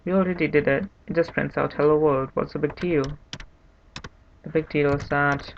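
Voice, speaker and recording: Male tutorial host, monotone and unhurried, slightly higher voice, dull lo-fi mic with faint hiss. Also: gravelly. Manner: monotone, unhurried, thinking aloud with restarts. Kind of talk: screen-recorded coding tutorial. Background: keyboard typing and clicks.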